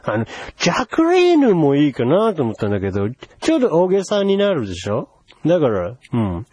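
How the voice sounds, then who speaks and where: A man's voice: a little high, wildly swooping pitch, brisk, darkish tone, husky, no room sound, exaggerated voice. A man playing a pushy, teasing older foreign envoy in a solo comedy sketch, wheedling in broken Japanese with English phrases. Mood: chatty teasing.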